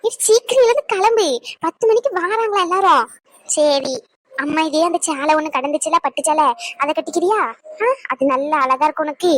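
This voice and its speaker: A woman's voice: high-pitched, moderate pace, a bit bright. A woman voicing a fretful middle-aged village mother in a cartoon, lamenting and scolding with emotion. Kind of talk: Tamil cartoon voice acting.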